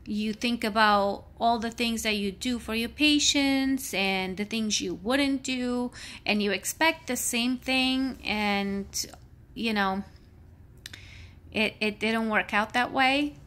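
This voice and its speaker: Speaking slowly in a fairly high, bright voice, a thirty-something healthcare worker shares candid thoughts on her personal vlog. Her talk wanders and is packed with fillers.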